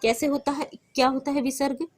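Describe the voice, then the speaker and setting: A woman's voice: high-pitched, fairly even intonation, a little fast. A young woman teaching a recorded grammar lesson for children, patient, repeating points and asking the class questions. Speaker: school teacher.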